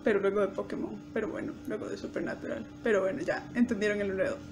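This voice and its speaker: A woman's voice: medium pitch, steady tone, fast talker. A young woman, chatting to camera and acting out quoted lines with bursts of laughter. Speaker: YouTuber. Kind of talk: casual storytelling to camera.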